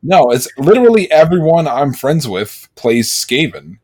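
A man's voice: a little high, big pitch swings, moderate pace, a little mellow. Laid-back, slangy man chatting on a podcast. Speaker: podcast co-host. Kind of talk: casual chat, answering listener questions.

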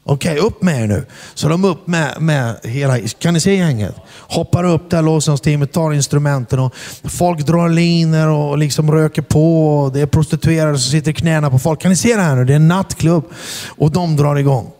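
An animated male preacher tells stories in a storytelling sermon before a congregation in a reverberant church hall. His voice is a little high; he asks the crowd "are you with me?" and shouts acted quotes in English.

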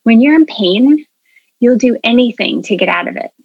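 A food media founder, interviewed about her story, speaks with a slightly high, creaky and husky voice, lively intonation and normal speed. She's earnest and chatty with many ums and you-knows; the audio has no echo and sounds dull.

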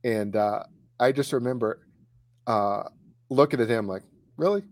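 A man's voice: on the low side, unhurried. Rambling man in casual chat. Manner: rambling, many fillers and restarts. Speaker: co-host recalling high school kicking.

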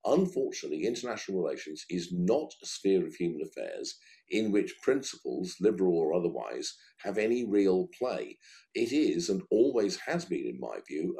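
A middle-aged man giving measured, emphatic arguments in a panel discussion. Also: low voice, a little mellow. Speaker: guest commentator.

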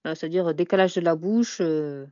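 A woman's voice: fairly low pitch, normal speed, mellow, no echo, lo-fi sound. A young woman as an interview guest, talking casually and hesitantly, with many fillers and "you know" tags. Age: young adult.

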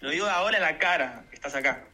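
Fast, bright-voiced Argentine man arguing. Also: fairly high pitch, lively intonation. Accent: Argentine Spanish. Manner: rapid, accusing, repeats his points. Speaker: participant in an online voice chat. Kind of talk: heated argument. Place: online voice chat.

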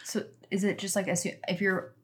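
A woman's voice: mid-range voice, little pitch movement, a little fast, a bit bright. A woman hosting a casual conversation, following along closely and cutting in with short questions. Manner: attentive, responsive interjections. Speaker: host.

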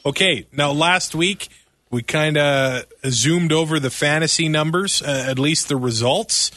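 A man co-hosting a sports podcast, excitable and laughing often, nearly losing his voice. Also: a little high, unhurried, no echo. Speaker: podcast co-host. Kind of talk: casual sports chat.

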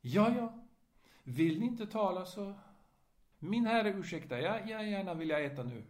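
A man voicing an overly polite, inquisitive older gentleman who co-owns a restaurant. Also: high-pitched, lively intonation, pitched above the performer's own voice. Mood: prying. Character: fussy elderly male restaurant co-owner. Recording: roomy echo.

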